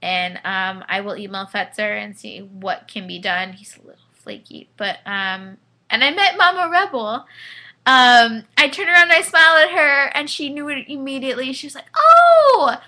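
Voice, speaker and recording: A woman in her twenties, a little drunk, giving an excitable, rambling spoken review full of fillers and restarts. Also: fairly high pitch, moderate pace. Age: 20s. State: tipsy. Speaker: vlogger reviewing a concert. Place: indoors at home.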